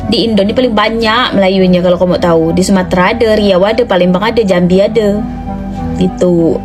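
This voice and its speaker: A woman's voice: medium pitch, fairly even intonation, brisk, music in the background. A woman with a Pontianak Malay accent, arguing in a teasing, casual rant. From West Kalimantan, Indonesia. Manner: teasing, argumentative.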